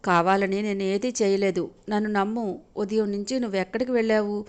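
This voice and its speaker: A woman voicing a hurt young wife, tearful with family and sharp with her mother-in-law, in an audio story. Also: medium pitch, fairly even intonation, a little fast, natural voice. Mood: tearful, scared. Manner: tearful, sharp when crossed.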